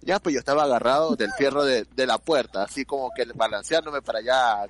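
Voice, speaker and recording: A young man telling a story to friends in casual chat, animated and slangy, acting out sounds. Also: mid-range voice, a little fast, a little hiss or hum.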